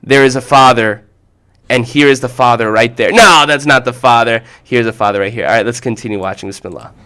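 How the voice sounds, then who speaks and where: A man hosting a children's show, playfully and excitedly reacting to clips that viewers sent in. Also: mid-range voice, a little fast, clean tone. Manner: animated and playful, exclaiming often.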